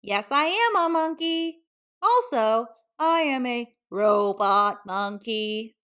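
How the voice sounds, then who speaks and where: A woman voicing a silly, boastful robot monkey from a storybook, in a goofy, exaggerated, drawn-out manner. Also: a little high, animated, a bit bright, clear, resonant tone. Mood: goofy, proud.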